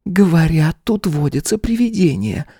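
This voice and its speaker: Actress as a lively teasing girl, audiobook: playful, daring, mellow. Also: on the low side, moderate pace, husky, no echo, clean studio sound.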